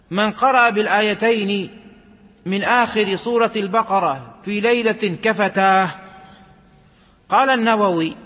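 A man with a high, bright voice reads religious texts and explains them as a lesson. His delivery is measured and recitative, and he slows down on key phrases. A long reverb trails behind every word. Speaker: religious teacher. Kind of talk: reading and explaining hadith.

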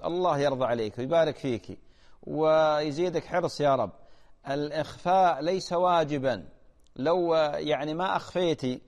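A man hosts a religious call-in program, answering listeners' questions. He talks quickly in a slightly high voice, patiently repeating key points. A long reverb trails his voice. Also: a little mellow. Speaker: religious call-in show host.

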